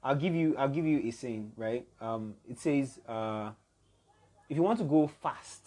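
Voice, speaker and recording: A man's voice: mid-range voice, measured pace, a little mellow. A man, a podcast guest who talks emphatically and keeps checking that his listener follows. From Nigeria. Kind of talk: casual podcast discussion.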